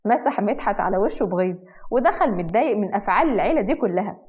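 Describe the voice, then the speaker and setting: A woman with an Egyptian accent narrating a romantic drama story in a brisk, dramatic way. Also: mid-range voice, animated. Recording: dull lo-fi.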